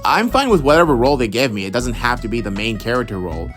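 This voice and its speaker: This young Houstonian talks fast in a sing-song, medium-pitched voice, taking follower questions about voice acting in a relaxed, rambling monologue. Fillers and restarts are everywhere, and faint music sits behind him.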